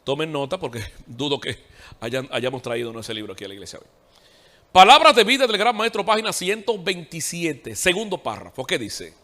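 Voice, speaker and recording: A man preaching a sermon in a church, asking the congregation rhetorical questions in an animated way. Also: mid-range voice, fairly quick.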